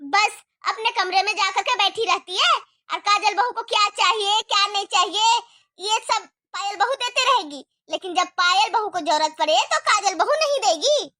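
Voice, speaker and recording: A woman's voice: extremely high pitch, lively intonation, moderate pace, dry recording, clean studio sound, heavily acted. A woman voicing a nagging, taunting middle-aged mother-in-law in a cartoon story. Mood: accusing. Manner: sharp, taunting, complaining.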